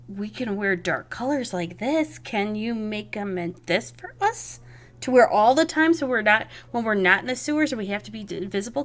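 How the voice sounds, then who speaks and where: A woman voicing a shy, grateful young vampire woman from the sewers, who pleads eagerly in halting bursts. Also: mid-range voice, natural voice.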